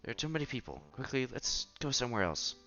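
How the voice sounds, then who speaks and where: Over soft background music, a man reads a visual novel aloud into a headset mic, acting out the dialogue and dropping casual, offhand comments. His mid-range voice is very animated and quick, though the recording is muffled.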